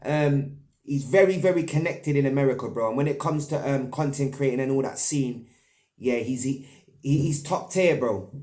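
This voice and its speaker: A man's voice: medium pitch, moderate pace, darkish tone. A young man with a London roadman accent giving casual commentary as an online host, in heavy street slang peppered with tag questions. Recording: echoey, roomy sound.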